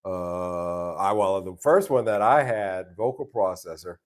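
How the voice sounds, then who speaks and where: On a casual live stream from his home base abroad, a very low-voiced man answers viewer questions, rambling in an easygoing way and restarting frequently. His pace is unhurried.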